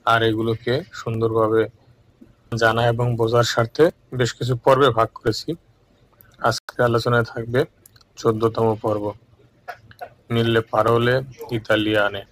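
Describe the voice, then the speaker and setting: A man from Bangladesh teaching a recorded language lesson, calm and measured, repeating each word twice. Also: mid-range voice, slight background noise, rough recording.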